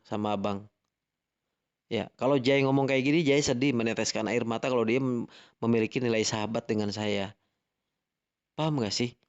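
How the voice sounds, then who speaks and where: A man's voice: medium pitch, muffled recording. A man with an Indonesian accent arguing heatedly in an online voice chat, lecturing and repeating himself. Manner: angry, lecturing, repetitive "gitu loh". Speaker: live-stream voice chat participant.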